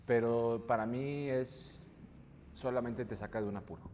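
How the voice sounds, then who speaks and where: A man's voice: medium pitch, fairly even intonation, moderate pace, darkish tone. Mexican man, podcast guest, slangy and profane, medium voice, recorded with reverb and faint noise. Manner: slangy, swears freely, ends phrases with "güey". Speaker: guest, business owner. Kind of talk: casual podcast chat.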